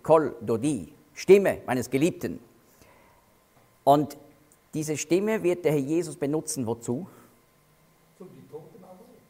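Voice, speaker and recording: A man teaching through Bible verses, explaining terms with slow, stressed emphasis. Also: a little high.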